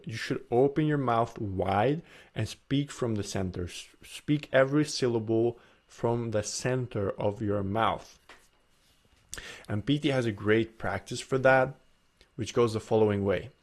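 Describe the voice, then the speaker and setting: Guy talking through a self-help presentation, earnest, restarts his sentences a lot, mid-pitch voice. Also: a little mellow. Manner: earnest, repeats and restarts phrases.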